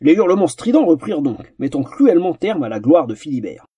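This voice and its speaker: A man reads a fantasy tale aloud with theatrical flair. His voice is husky and mellow, and his pitch rides high and moves a lot. The recording is close and dry. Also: fairly quick, no room sound, dull audio. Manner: theatrical, animated storytelling. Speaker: narrator. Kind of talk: expressive audiobook narration.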